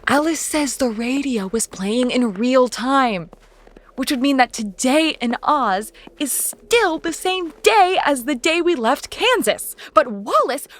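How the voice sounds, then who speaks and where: An anxious young traveler, played by a woman, works through a puzzle aloud in an audio drama. Her fairly high voice swings up and down a lot. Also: lively intonation, slow, heavily acted. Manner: worried and puzzling things out aloud. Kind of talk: musical audio drama acting.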